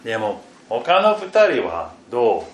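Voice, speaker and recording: A male preacher delivers a sermon at an unhurried pace, stopping and restarting his phrases. He often lets his sentences trail off into near silence. The recording sounds roomy and echoey, with a faint hiss underneath. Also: medium pitch, wildly swooping pitch. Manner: slow and halting, with repeated fillers and restarts. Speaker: pastor. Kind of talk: sermon reading scripture. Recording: echoey room, faint background noise.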